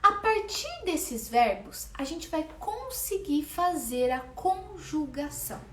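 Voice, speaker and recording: A young woman teaching a live online language class, explaining patiently and sounding out each form slowly. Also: high-pitched, very animated. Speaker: Italian teacher.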